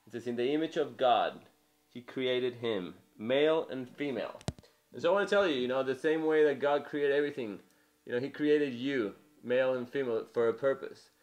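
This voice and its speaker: A man's voice: mid-range voice, brisk. Earnest young man from Mexico preaching. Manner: earnest, conversational, many "you know" fillers. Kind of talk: testimony sermon.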